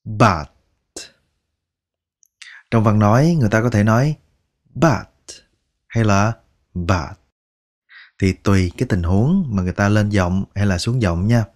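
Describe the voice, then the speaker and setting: Male language teacher, low-pitched, unhurried pronunciation drills, patient and coaxing. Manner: repeats each word slowly, drawing out sounds; patient, coaxing, ends phrases with soft particles. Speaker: English teacher. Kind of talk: slow pronunciation lesson.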